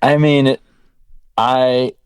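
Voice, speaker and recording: A man's voice: medium pitch, fairly even intonation, very slow, clean tone, no echo. A man guesting on a podcast, speaking hesitantly with frequent restarts. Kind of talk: casual chat.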